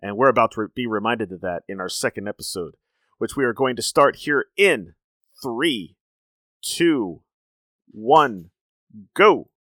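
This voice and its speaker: A man's voice: medium pitch, animated, a little slow, long pauses, a bit bright, dry recording. A man hosting casual, informal reaction commentary on television episodes, talking in a chatty way. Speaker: reaction host.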